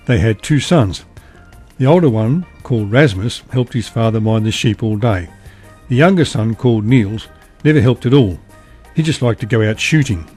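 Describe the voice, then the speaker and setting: A man narrating a bedtime story in a calm, even reading voice. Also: medium pitch, moderate pace, slightly rough, soft background music.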